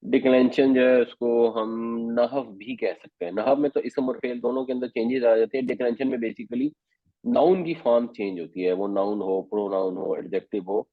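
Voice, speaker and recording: A man's voice: lowish voice, dry recording. A man giving a Quran commentary and Arabic grammar lesson, explaining patiently and mixing English terms into his Urdu. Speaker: Quran teacher. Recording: dry, phone-like narrow sound.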